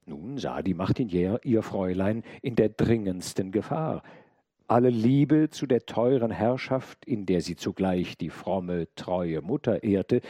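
A man with a husky, lowish voice narrates a classic novella slowly and dramatically. His pitch rises and falls widely. The close mic gives a dry, roomless sound. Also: dry recording. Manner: dramatic, expressive reading. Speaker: audiobook reader.

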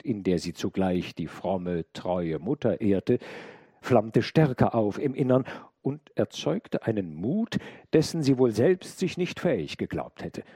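A man reading a literary story aloud as an audiobook narrator, measured and expressive. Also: fairly low pitch, breathy edge, no echo. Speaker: audiobook reader.

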